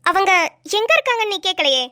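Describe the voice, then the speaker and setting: A woman voicing a bossy, sharp-tongued young wife who scolds and trades insults in a cartoon. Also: very high voice, expressive, quick pace, dry recording, studio quality, heavily acted. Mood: scolding. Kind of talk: cartoon voice acting.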